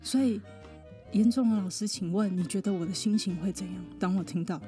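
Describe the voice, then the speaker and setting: A woman, a psychologist guest on a podcast, telling a personal story in a lively way, often laughing and mimicking other people. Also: mid-range voice, brisk, faint music behind.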